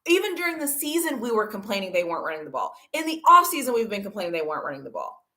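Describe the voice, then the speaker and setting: An animated woman hosts a casual sports livestream and talks straight to her chat. She argues with emphatic repetition, and her voice swings widely in pitch. She sits at a middle pitch for a woman. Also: racing. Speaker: livestream host. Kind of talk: casual football talk livestream.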